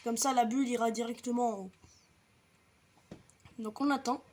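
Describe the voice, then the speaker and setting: A woman's voice: a little high, fairly even intonation, normal speed, darkish tone. A young woman casually commenting on her gameplay, chatty and explaining each step to viewers with the odd light swear. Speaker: gaming video creator.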